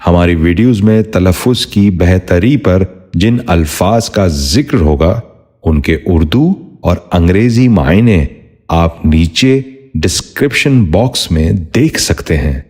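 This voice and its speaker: A man narrating a scripted pronunciation lesson in a formal, measured way, repeating each word slowly. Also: sits low, darkish tone. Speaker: Urdu pronunciation teacher.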